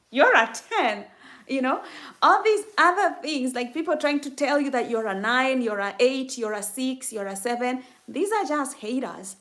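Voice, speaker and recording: Woman from kenya preaching self-love on a stream, kinda high voice, emphatic, repeats herself a lot. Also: expressive, unhurried, a bit bright. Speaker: livestream host. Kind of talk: faith-based motivational talk.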